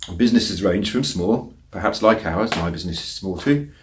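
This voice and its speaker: A man speaking straight to camera as a business coach, his voice sitting fairly low. He talks in an emphatic, encouraging way and keeps checking in with "right?". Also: animated, a little fast, slight background noise. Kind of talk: direct-to-camera advice talk.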